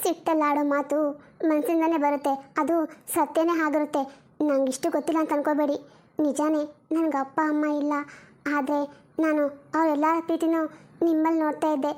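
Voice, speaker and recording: A woman's voice: high-pitched, level tone, fairly quick, darkish tone, lightly acted. A woman playing a heartbroken young wife. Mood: hurt, self-blaming. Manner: tearful, self-reproaching pleading. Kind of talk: film melodrama acting.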